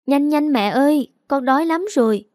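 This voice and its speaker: A woman voicing a small hungry girl calling for her parents in a high, pleading voice. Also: normal speed, a little mellow, no room sound, studio quality, natural voice. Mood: whiny hungry.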